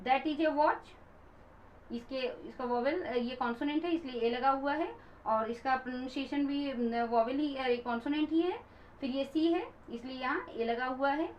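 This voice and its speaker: Woman teacher, high voice, patient lesson talk w english examples, muffled audio. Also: normal speed, a little hiss or hum. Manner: patient, addresses viewers as friends, mixes in English sentences. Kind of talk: explaining grammar to students. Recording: dull lo-fi recording.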